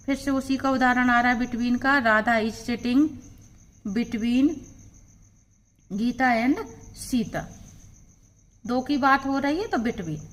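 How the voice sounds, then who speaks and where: A woman teacher giving an exam-prep grammar lesson, explaining the rules step by step and reading example sentences aloud. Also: on the high side.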